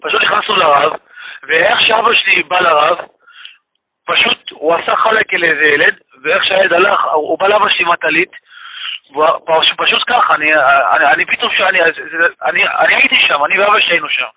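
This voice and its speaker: A man's voice: high-pitched, sharp tone, slightly rough, poor audio. A man giving an emotional personal testimony, repeating phrases for emphasis and weaving religious expressions into his speech. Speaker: guest telling a personal story.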